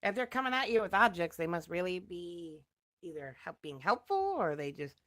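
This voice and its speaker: Female color commentator, fairly low voice, very lively pitch, playful and giggly. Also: moderate pace. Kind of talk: casual co-commentary.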